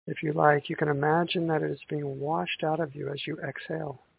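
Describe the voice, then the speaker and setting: A man guiding a breathing meditation in a calm, gentle, meditative tone, on a thin band-limited recording. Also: a little high, fairly quick, vocal fry. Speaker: meditation guide. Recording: tinny band-limited audio with hiss.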